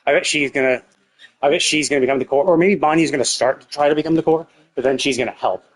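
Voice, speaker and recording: Over game music, a male streamer with a higher-pitched voice speeds through loose, speculative commentary on his game. He keeps checking himself with a quick "right?"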